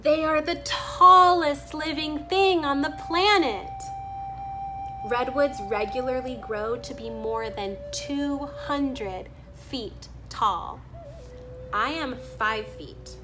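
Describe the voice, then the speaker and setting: A woman reads a children's book aloud, pausing now and then to make offhand comments about the illustrations. Her voice sits high, and the background is noisy.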